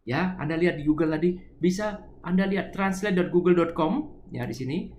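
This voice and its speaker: A middle-aged man with a fairly high voice lectures on spirituality. He explains a poem line by line, slowing to repeat key words. A faint hiss sits under the recording. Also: a little mellow, echoey room. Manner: repeats words slowly, asks listeners to repeat. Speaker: spiritual teacher.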